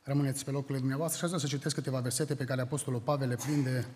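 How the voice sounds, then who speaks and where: A man from Romania preaching a funeral sermon, measured and building to emphasis when reading scripture, recorded in a church hall. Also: medium pitch, fairly even intonation, a little mellow, slight background noise. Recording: long hall reverb.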